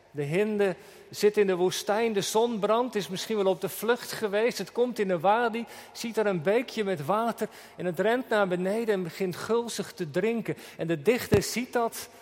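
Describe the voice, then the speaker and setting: A man preaching a sermon earnestly, slowing down when he quotes scripture. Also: sits high, big-room sound. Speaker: pastor.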